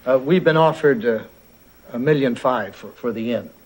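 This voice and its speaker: A man's voice: mid-range voice, normal speed, noisy background, lightly acted. A man playing an uptight innkeeper who stammers and hesitates. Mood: hesitant.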